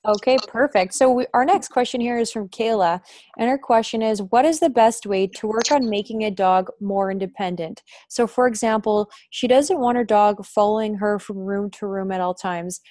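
A woman interviewer reading out viewer questions in a brisk, matter-of-fact way. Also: mid-range voice, a little mellow, dry recording.

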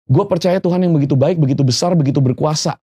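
A man's voice: fairly high pitch, fast talker, mellow, husky. A pastor, explaining his beliefs earnestly in a casual podcast discussion.

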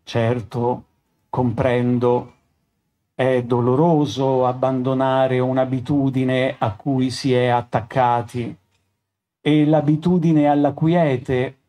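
A gentle old sage, as voiced by a man reading aloud, speaks in an unhurried, fatherly way. His words come soft and measured, like a patient preacher counseling someone in a fairy tale. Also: fairly high pitch, full character voice.

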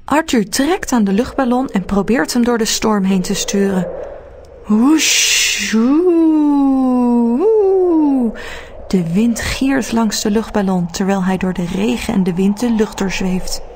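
A woman narrating a children's storybook audiobook in a steady, clear telling. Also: medium pitch, normal speed, few pauses, a little hiss or hum.

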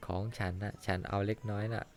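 A man voicing a kind young fisherman in a fan-dubbed cartoon, speaking in a soft, caring, reassuring way. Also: fast, close to an everyday voice. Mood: gentle. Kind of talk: Thai fan dub of an animated series.

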